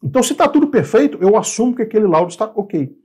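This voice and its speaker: Man in his 50s, instructor type, mellow husky voice, conversational lesson delivery. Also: sits high, big pitch swings, fast talker. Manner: conversational, asks and answers his own questions. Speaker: real estate appraisal instructor. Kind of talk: informal online lesson.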